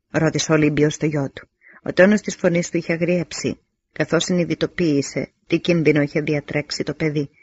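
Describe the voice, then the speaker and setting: A man reading a novel aloud in a measured, solemn first-person narration, on a dull lo-fi recording. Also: a little high, darkish tone, breathy edge, no echo. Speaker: audiobook narrator. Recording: dull lo-fi audio.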